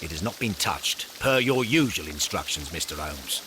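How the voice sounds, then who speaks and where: A man's voice: sits low, big pitch swings, normal speed, noisy background. A man acting a blustering, easily flustered Victorian police inspector in a game, with an English accent and emphatic delivery. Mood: brisk reporting. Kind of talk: video game cutscene acting.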